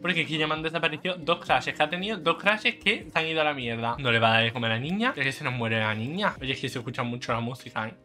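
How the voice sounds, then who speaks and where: A young man giving playful, cheeky let's play commentary, swearing freely and bursting into excited shouts. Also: mid-range voice, fast talker, few pauses, soft background music. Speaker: gaming YouTuber.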